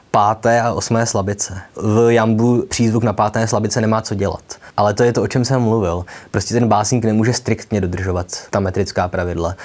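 A man's voice: lowish voice, darkish tone. A young man explaining poetic meter in an educational video lesson, patiently tapping out rhythms with syllables. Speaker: literature teacher.

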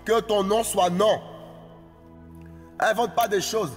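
A man's voice: sits high, fairly even intonation, slow pace, big-room sound, faint music behind. A man preaching a sermon, exhorting his listeners in a repetitive, singsong cadence.

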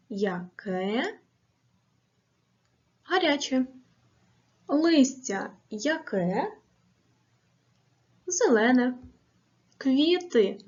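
A woman teaching a grammar lesson to schoolchildren on video, speaking slowly and clearly and asking and answering drill questions. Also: fairly high pitch, a little mellow, muffled recording.

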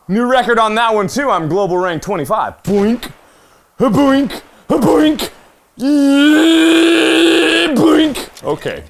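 A young gaming YouTuber does let's play commentary on a virtual reality zombie shooter, swearing and joking as he plays. His slightly high voice drops to mutters and jumps to yelps and shouts.

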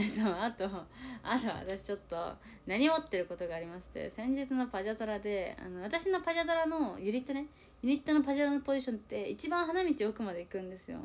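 A young woman chats on a livestream with a fairly high, very animated voice. She talks quickly and keeps dipping into changed voices to act out small quoted moments, while running herself down in a confiding, chatty way. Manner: self-deprecating, chatty and confiding. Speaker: idol group member streaming live. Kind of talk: casual livestream chat reading viewer comments.

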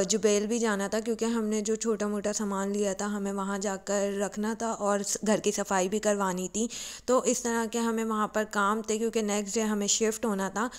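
A woman's voice: mid-range voice, flat delivery, normal speed. A woman from Pakistan narrating a casual shopping vlog, chatty and rambling, with fillers and self-corrections. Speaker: vlogger. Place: shops and supermarket, partly voice-over.

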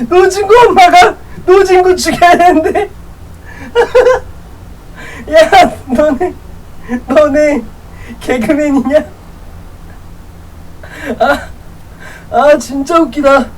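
Woman, game streamer, high voice, loud teasing banter, slightly distant mic. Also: takes it slowly, pauses often, slight background noise. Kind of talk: live gameplay chat with viewers.

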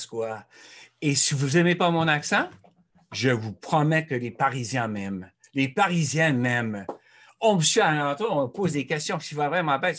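Storytelling man in his 60s, Canadian French accent. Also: medium pitch. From Saskatchewan, Canada. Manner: lively anecdotes, acts out dialogue with the audience. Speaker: author giving a talk. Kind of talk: storytelling talk to teachers.

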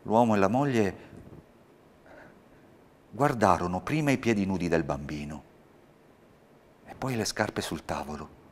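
A man reading a Christmas fairy tale aloud in a measured, expressive storytelling manner. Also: sits low, a little hiss or hum.

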